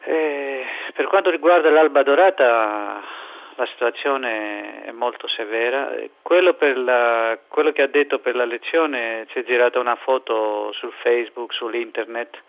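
Greek-accented man on a tinny phone line. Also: mid-range voice. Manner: halting non-native Italian, searching for words. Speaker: interview guest reporting from Athens. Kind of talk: unscripted radio interview by phone.

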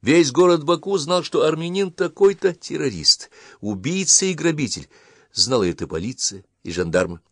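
A man reading a historical novel aloud as an audiobook narrator, with measured, dramatic storytelling. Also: on the high side, expressive, no room sound, studio quality.

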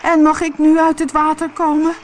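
A woman's voice: sits high, completely flat delivery, moderate pace, faint music behind, pitched above the performer's own voice, natural voice. A woman voicing a foolish, cheeky young man in a children's story, crying out in a raised voice. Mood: pleading.

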